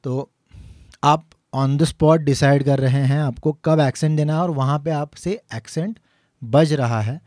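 A man teaching piano, explaining each step patiently and slowly singing the note names as he plays. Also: fairly high pitch, darkish tone. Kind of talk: instructional lesson.

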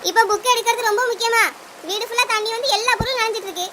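A woman's voice: very high voice, steady tone, racing, bright, forceful tone. An anxious village mother. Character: caring village mother, adult woman, anxious and warm. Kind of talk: cartoon voice acting.

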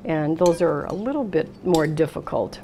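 Standing at a steel worktop in an indoor kitchen, this middle-aged American cooking show host speaks in a low, animated voice at normal speed. She keeps things casual, walking unhurriedly through each step of the demonstration as she goes. Dishes clatter and the kitchen's room sound is noisy throughout.

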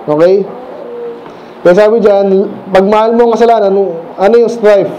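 A man preaching a sermon as pastor, asking the congregation questions and reading scripture slowly before explaining it casually. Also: high-pitched, steady tone, dark tone, lo-fi sound, slight background noise. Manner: reads scripture slowly, then talks fast and casually.

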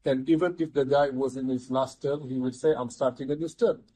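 An older man speaking as an economist guest in a studio interview, measured and restarting his words often. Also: mid-range voice, fairly even intonation, mellow, breathy edge, poor audio. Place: TV studio, seated in armchair.

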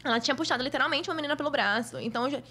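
A young Brazilian woman with a high, bright voice tells stories at a rapid clip. She talks casually as a podcast guest, lively and expressive. Her Brazilian Portuguese accent shows throughout. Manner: lively, expressive, acts out other people's voices. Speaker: guest, fashion model. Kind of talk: casual storytelling in a podcast interview.

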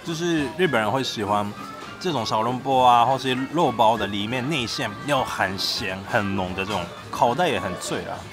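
A man's voice: medium pitch, lively intonation, moderate pace. Young male vlogger, Japanese accent in Mandarin, chatty and informal, mid-range voice with music behind. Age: young adult. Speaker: travel and food vlogger. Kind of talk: casual vlog chat.

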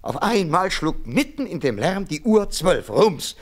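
An actor playing a steadfast, lovesick tin soldier who narrates his own story in a radio play, earnestly and gently. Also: high-pitched, big pitch swings, a little slow, heavily acted. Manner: earnest, gentle, proud, sometimes whispering.

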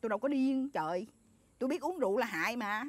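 A woman's voice: a little high, expressive, fast, no room sound. A woman with a Southern Vietnamese accent playing a scolding wife in a comedy skit. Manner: scolding, sharp-tongued.

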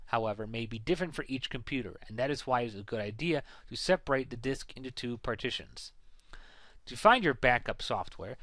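A man giving a scripted, instructive voice-over for a software tutorial slideshow, in a plain, reassuring way. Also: mid-range voice, no room sound. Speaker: tech tutorial narrator.

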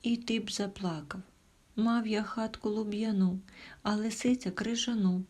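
A timid little hare boy, as a woman storyteller puts him on, talking in a breathy, half-whispered plea. His husky, hushed voice stays tearful and small, as in a children's storybook reading. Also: medium pitch, fairly even intonation, moderate pace, pitched above the performer's own voice, natural voice. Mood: tearful pleading.

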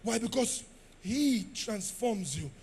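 A man with a Nigerian accent preaching a sermon, shouting at times and dropping to low asides. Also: expressive, takes it slowly, husky. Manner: rugged preaching style. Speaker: pastor.

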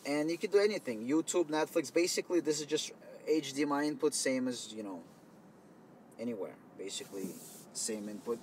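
A man's voice: medium pitch, brisk. A man giving a loose, conversational product demo inside a car, explaining as he goes, recorded on a camera mic. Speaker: product demonstrator. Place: inside a car, partly outdoors in wind. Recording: faint wind noise on camera mic.

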